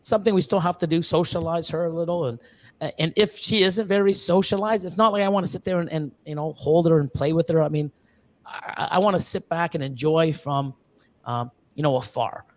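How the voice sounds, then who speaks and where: A man's voice: a little high, fairly quick. A man chatting casually as a guest about breeding reptiles, rambling with lots of fillers, restarts and the odd curse. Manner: swears casually. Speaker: guest, ball python breeder. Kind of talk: casual live-stream chat. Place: reptile facility in Ontario.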